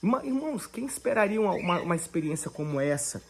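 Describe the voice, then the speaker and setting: A woman's voice: fairly low pitch, very animated, quick pace, breathy edge. A Brazilian woman leading an online Bible devotional, preaching fervently and addressing her listeners as brothers. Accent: Brazilian Portuguese. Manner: fervent, addresses listeners as brothers, swings between loud and hushed.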